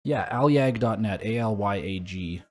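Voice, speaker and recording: A man's voice: on the low side, moderate pace. A young man co-hosting a podcast, chatting casually, swearing freely and laughing easily. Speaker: podcast co-host. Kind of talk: casual chat.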